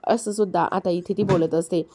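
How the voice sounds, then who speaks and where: A woman casually retelling a TV serial episode, repeating herself often and pausing with hesitant fillers. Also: fairly low pitch, fairly even intonation, mellow. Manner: repetitive storytelling with frequent hesitation fillers. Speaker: serial recap narrator.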